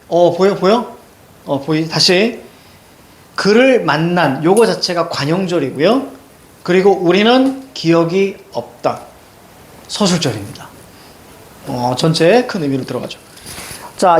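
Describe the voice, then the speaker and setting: Guy teaching grammar, kinda high voice, bounces up and down a lot, keeps checking the class is with him. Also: darkish tone. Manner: brisk, keeps saying "자" and checks in with students. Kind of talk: classroom lecture, solving exam questions.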